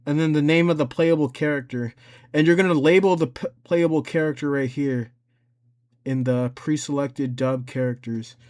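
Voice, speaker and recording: Walking through software in a casual screen-recorded how-to, this male host sounds hesitant and rambling, frequently correcting himself. He speaks at a moderate pace in a fairly high, slightly mellow voice with fairly even intonation.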